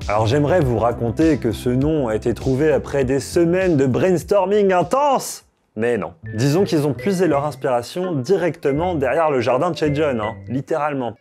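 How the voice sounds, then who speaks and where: Guy narrating tech history, bit high voice, cracks jokes at the viewers, soft music under it. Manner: playful, jokey asides to viewers. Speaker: host of a tech channel. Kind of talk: scripted explainer narration.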